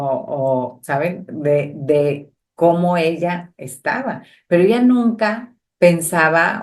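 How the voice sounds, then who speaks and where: A middle-aged woman with a notably low voice, chatting on a podcast. She tells personal stories with animated energy and peppers her sentences with little check-in questions to her listeners. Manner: animated personal storytelling, frequent "o sea" and "¿sabes?" tags. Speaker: podcast co-host. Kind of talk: casual conversation.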